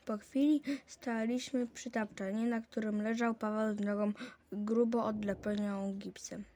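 Slow, measured woman reading a story. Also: medium pitch, flat delivery, warm tone. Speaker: reader. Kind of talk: reading a children's story aloud.

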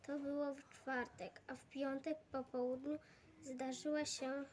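Hesitant high-voiced woman reading a story. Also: level tone, a little slow, a little mellow, slight background noise. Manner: hesitant, restarts words. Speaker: reader.

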